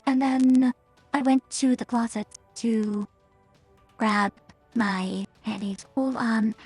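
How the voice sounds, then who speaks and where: A woman's voice: fairly high pitch, fairly even intonation, slow, darkish tone, breathy edge, no echo, faint music behind. A woman VTuber chatting casually on stream through a staticky voice changer that cuts out, rambling with hesitant fillers.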